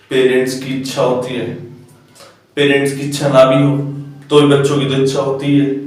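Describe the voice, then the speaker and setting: Male maths teacher, echoey room. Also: mid-range voice. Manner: addresses students as "beta", slows right down to dictate formulas. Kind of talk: blackboard lesson, coaching tone. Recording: echoey room, distant mic.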